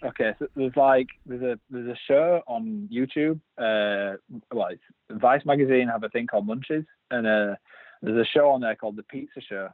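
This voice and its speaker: This English guest, a brewery designer, talks at a normal pace in a mid-range Yorkshire-accented voice. He's relaxed and chatty in the remote interview, often putting himself down a little and filling gaps with ums and ers. There's no echo, just a dry, phone-quality connection.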